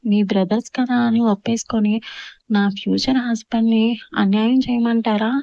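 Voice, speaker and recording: A woman's voice: a little high, fairly even intonation, moderate pace, creaky, dark tone, no room sound, lo-fi sound. Woman voicing a chatty innocent young bride.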